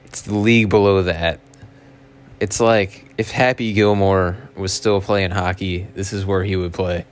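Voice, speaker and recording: A man with a raspy, hoarse smoker's voice chatting casually as a solo podcast host, laid-back, slangy and sweary. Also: sits low, steady tone, measured pace. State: hoarse after a night out.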